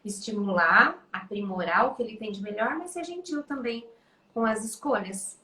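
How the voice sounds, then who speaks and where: A Brazilian woman, a music educator, explains things gently and often checks in with "né?". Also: medium pitch, expressive, normal speed, reverberant, poor audio. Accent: Brazilian Portuguese. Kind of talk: casual conversation.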